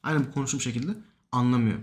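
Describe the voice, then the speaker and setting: A man's voice: mid-range voice, rapid-fire. A young man telling a personal story in casual chat, acting out what people said with lots of emotion. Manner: animated, emotional retelling with quoted dialogue. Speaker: podcast guest. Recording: echoey room.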